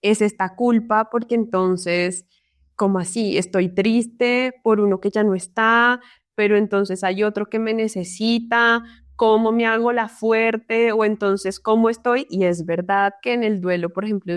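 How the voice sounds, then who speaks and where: A woman's voice: medium pitch, steady tone, unhurried, smooth, no room sound, clean studio sound. A Colombian woman, a psychologist guest, speaking reflectively in a casual interview and often tagging her sentences with little questions.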